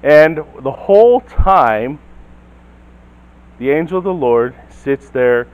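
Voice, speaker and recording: A male pastor preaching in church, with a voice a little above the usual male pitch. He tells the story in a lively way, acts out the characters' lines, and keeps asking the congregation questions. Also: takes it slowly, clean tone, dull audio. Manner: storytelling, acts out quotes, asks the listeners questions. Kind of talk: sermon.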